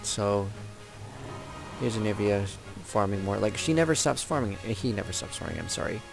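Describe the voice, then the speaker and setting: Low gravelly young guy chatting over his game match, music loud behind. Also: lively intonation, normal speed. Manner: chatty, rambling, self-correcting. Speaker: gamer commentating his own match. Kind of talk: casual gameplay commentary.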